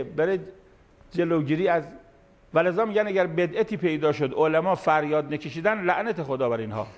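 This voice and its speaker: A man near seventy giving a sermon-style lecture as a cleric, explaining verses line by line in plain talk. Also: sits high. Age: late 60s. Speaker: cleric speaking to an audience of managers.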